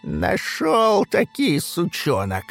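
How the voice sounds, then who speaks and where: A man voicing a filthy, spiteful old female bathhouse spirit with a creaky, snarling voice. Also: high-pitched, huge pitch swings, slow, a bit bright, soft background music, pitched above the performer's own voice, heavily acted.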